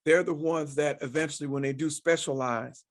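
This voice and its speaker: A man's voice: a little high, steady tone, moderate pace. A man hosting an interview, asking questions in a casual way and backing up his guest with frequent "yeah". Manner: affirming, backchannels with frequent "yeah". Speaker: podcast host.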